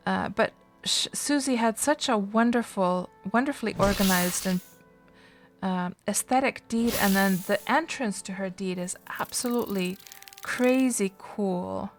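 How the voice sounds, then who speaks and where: With faint music in the background, a Finnish woman chats unhurriedly while streaming a game. Her voice sits in the mid range, and as she answers viewers she muses aloud, restarting sentences and leaning on fillers.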